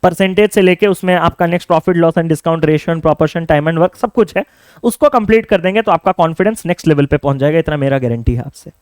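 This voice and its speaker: A young man with a high voice coaches exam students, urging them on earnestly and asking them to think things through. The sound is close and dry, with no room echo. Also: fairly quick, darkish tone. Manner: earnest, urging, addresses students directly with rhetorical questions. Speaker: online exam coaching educator. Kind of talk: direct-to-camera coaching talk.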